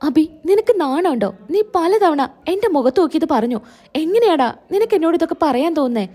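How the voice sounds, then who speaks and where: A wounded young wife, read by a woman, pleading and reproachful, high and mellow. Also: animated, brisk.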